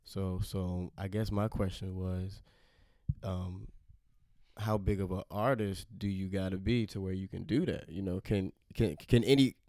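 A man co-hosting a podcast in casual chat, relaxed and halting, often repeating words. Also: deep voice, no room sound, clean studio sound. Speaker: podcast co-host.

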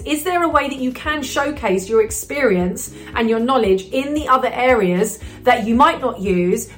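A woman's voice: on the high side, fairly bright tone. A woman business coach talking casually to camera, upbeat and chatty, with lots of "you know" fillers.

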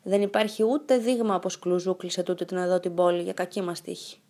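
A bold, cheerful little girl full of odd ideas, played by a woman, her voice lifting high and bright. She chatters in a playful, lively way as the heroine of a storybook reading. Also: close to an everyday voice.

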